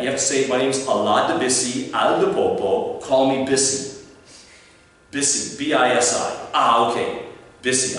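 A man giving a lively classroom lecture, acting out little mock conversations with jumps into high, squeaky voices. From Canada. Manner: animated, acts out mock dialogues in squeaky voices. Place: lecture room. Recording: echoey room from a distant mic.

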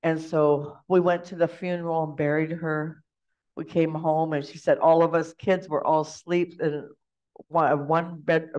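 A woman giving an informal storytelling talk as guest speaker, chatty and quick to laugh, recorded in a lecture room. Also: sits low, darkish tone. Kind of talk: casual storytelling presentation. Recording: dull lo-fi recording.

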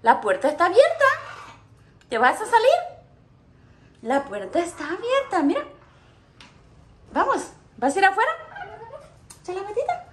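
A woman's voice: extremely high pitch, big pitch swings, normal speed, pauses often, slight background noise. A woman talking playful baby talk to her pet parrots, cooing and often laughing.

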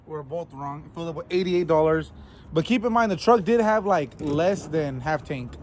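A man's voice: on the high side, animated, normal speed, heavy background noise. A young man filming a casual road-trip vlog on his phone, loose, profane and joking with friends. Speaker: vlogger. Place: gas station, car and new house. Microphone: handheld phone camera.

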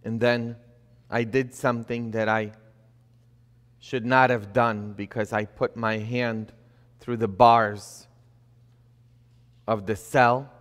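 A middle-aged priest preaches from a church pulpit in a mid-range, slightly bright voice, delivering flatly and slowly with long pauses while building emphasis and posing rhetorical questions. A fixed camera at a distance captures him indoors in the sanctuary, with the long reverb of a church hall.

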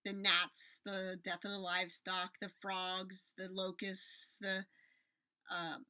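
Woman, 40s, children's Bible storyteller, bright crisp tone, dry close webcam sound, animated hand gestures. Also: medium pitch, slow, no room sound. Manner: expressive, gestures with her hands while telling the story. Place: small room at home with shelves. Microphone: webcam at desk distance.

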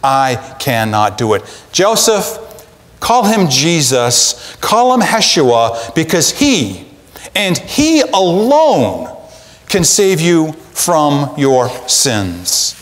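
A middle-aged male pastor preaching a sermon, swinging from emphatic peaks down to hushed asides. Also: fairly high pitch, big pitch swings, very slow. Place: church sanctuary. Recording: long reverb of a large hall.

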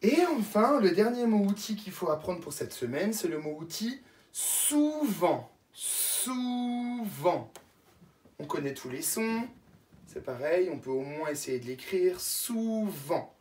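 A woman first-grade teacher giving a slow dictation lesson to young children, spelling each word out letter by letter and repeating it. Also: lowish voice, very animated, darkish tone. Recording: echoey room, voice from a distance.

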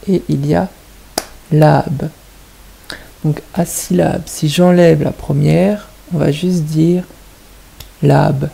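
A kindergarten teacher with a French accent patiently walks young children through a lesson, asking them questions one step at a time. The voice is mid-range and mellow, with vocal fry and a breathy edge, on a rough recording.

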